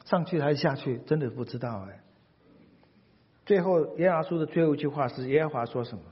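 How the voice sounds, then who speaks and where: A man's voice: a little high, expressive, a little fast, husky. Man, sermon, humorous, acts out quotes, long hall reverb, muffled lo-fi sound. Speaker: pastor.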